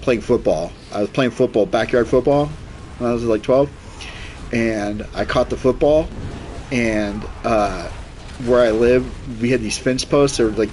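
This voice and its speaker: Man in his forties chatting over noise. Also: mid-range voice. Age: 40s. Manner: rambling, animated retelling with quoted dialogue and swearing. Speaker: game streamer. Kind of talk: casual chat while playing a video game.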